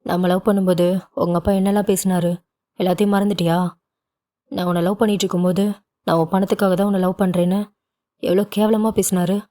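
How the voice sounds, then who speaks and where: A woman's voice: medium pitch, warm tone, lightly acted. Woman voicing a proud, angry young husband.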